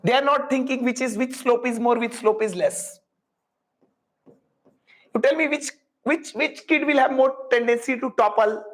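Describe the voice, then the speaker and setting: A man's voice: very high voice, normal speed. A man with an Indian accent teaching a live physics class, explaining step by step, repeating phrases and putting questions to students with Hindi tags mixed in.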